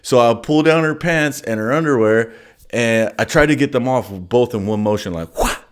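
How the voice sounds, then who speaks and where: A man's voice: mid-range voice, moderate pace, smooth. A man telling a story in a casual monologue, crude and profane, rambling with lots of fillers.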